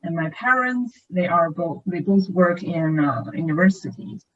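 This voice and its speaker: A woman in her late twenties from northern China, speaking English with a Chinese accent, a first language of Chinese, in a thoughtful, measured podcast chat over a remote call. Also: on the low side, expressive, slight background noise. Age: late 20s. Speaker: podcast co-host. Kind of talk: casual conversation. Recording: muffled lo-fi call audio.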